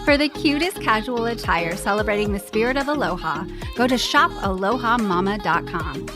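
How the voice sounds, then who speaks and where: A woman's voice: mid-range voice, expressive, moderate pace, over music. A woman hosting a pet podcast who chats with her guest and also reads a sponsor ad. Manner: warm listener, reacts with short interjections. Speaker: podcast host. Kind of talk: casual interview and ad read.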